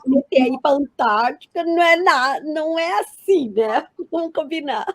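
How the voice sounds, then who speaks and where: A woman's voice: high-pitched, expressive, normal speed, no echo. A woman co-hosting a podcast, speaking in a playful, enthusiastic way. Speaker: podcast co-host. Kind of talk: casual chat.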